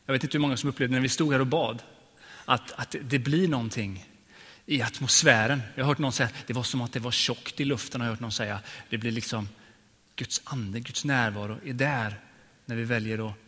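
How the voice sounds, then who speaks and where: Male pastor preaching, crisp bright tone, personal storytelling, reverberant church hall. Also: mid-range voice. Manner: personal storytelling, shifting between hushed and emphatic. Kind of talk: sermon.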